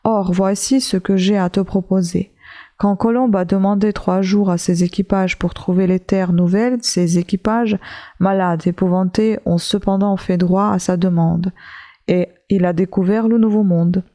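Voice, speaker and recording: A woman's voice: mid-range voice, steady tone, normal speed, dark tone, close to an everyday voice. A woman reading the lines of a stubborn, obsessive old male professor in a commanding, insistent way.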